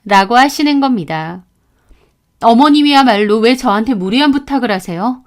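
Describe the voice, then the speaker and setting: A woman's voice: on the high side, animated, normal speed. A woman in her thirties narrating her own story as a daughter-in-law, indignant and complaining, acting out the dialogue.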